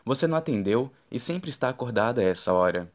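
A man's voice: mid-range voice, animated, fast, natural voice. A man voicing a jealous, accusing ex-husband in an audiobook, reading his lines in his own plain voice.

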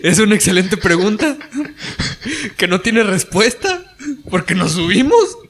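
Young Mexican man, lively storyteller. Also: high-pitched, a little slow, slight background noise. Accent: Mexican Spanish. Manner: laughing, animated retelling with quoted voices. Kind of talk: casual chat, storytelling.

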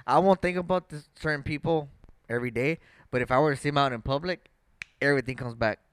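A man's voice: mid-range voice, fast talker, smooth, dry recording. A young man with a slight lisp and a stutter, swearing through casual podcast chat. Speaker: podcast co-host.

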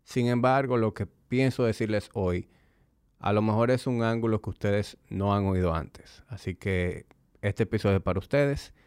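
A man's voice: fairly low pitch, normal speed, darkish tone, clear, resonant tone, dry recording, studio quality. A man hosting a podcast as a fitness trainer, talking conversationally and explaining things directly to the listener. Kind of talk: conversational solo podcast monologue.

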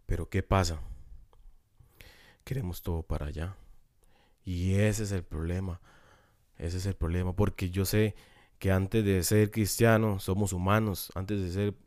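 A man preaching a sermon in a Costa Rican accent, earnest and repetitive, often dropping to a hushed tone. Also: deep voice, steady tone, unhurried, pauses often, no echo, clean studio sound. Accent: Costa Rican Spanish. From Costa Rica.

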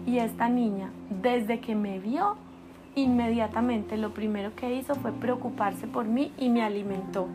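A mother playing a gentle talking cat in a bedtime story, speaking low and hushed. Her voice sits a touch high for a woman, and soft guitar music plays behind. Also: measured pace, lightly acted. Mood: firm. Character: kind wise male house cat, calm.

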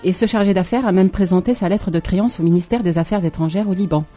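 A woman's voice: on the low side, fast talker, dark tone, soft background music. A woman co-hosting a radio segment in casual chat, explaining patiently and often agreeing with repeated "oui" and a tagged-on "hein". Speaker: radio co-host presenting a segment.

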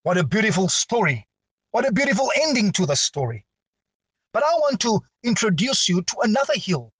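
A man preaching a sermon with a dramatic, drawn-out delivery and big swings in pitch. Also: big pitch swings, fairly bright tone, breathy edge, no echo.

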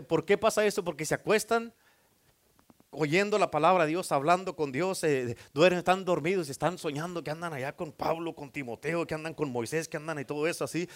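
Male pastor, fiery preaching with a high voice. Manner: fervent preaching with rising intensity, joking asides. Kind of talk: sermon.

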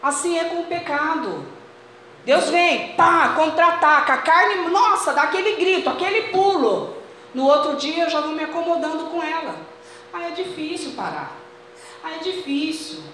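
A woman with a Brazilian Portuguese accent preaches a fervent sermon to her congregation, addressing them as brothers. Her extremely high voice is expressive, pushed, and bright, at a moderate pace. The church hall is very echoey, with faint noise.

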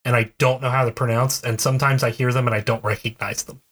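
A man's voice: mid-range voice, flat delivery, quick pace, a bit bright, slightly rough. A man co-hosting a podcast in casual chat, explaining things in a digressive way with many restarts. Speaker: podcast co-host.

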